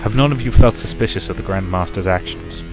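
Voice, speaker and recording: A man voicing a scheming villain officer, grave, formal and measured, full of suspicion. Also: sits low, over music, close to an everyday voice. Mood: suspicious, insistent.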